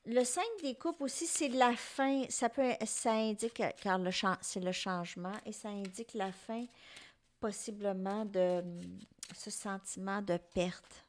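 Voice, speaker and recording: A middle-aged woman with a Québécois French accent, giving a tarot reading to her viewers in an unhurried, musing way and speaking straight to them. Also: mid-range voice, steady tone. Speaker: tarot reader.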